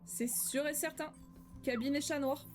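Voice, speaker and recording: A woman's voice: sits high, steady tone, normal speed, a little mellow. A woman doing casual live let's play commentary as a game streamer, informal, chatty and affectionate with her viewers. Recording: faint game music behind.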